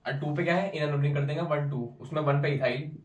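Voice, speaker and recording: A man's voice: a little high, steady tone, a little fast, highs cut off. A young man tutoring chemistry informally, drilling each step and repeating answers. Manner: drills step by step, repeats answers, teasing and pushy when challenged. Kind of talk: informal classroom explanation. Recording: roomy echo, recorded from a distance.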